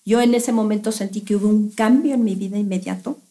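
A middle-aged woman shares her testimony on a radio interview. Her voice is mellow and mid-pitched. She speaks haltingly, pausing and restarting often. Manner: hesitant, with many fillers and restarts. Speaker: guest giving a testimony.

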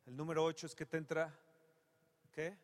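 A man preaching a sermon with a somewhat high voice, dropping to a hush one moment and rising to loud, emphatic exclamations the next. He tells stories with a humorous touch. A long reverb trails his words, as in a large church hall. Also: flat delivery, normal speed. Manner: dramatic, swinging from hushed to loud exclamations; humorous storytelling.

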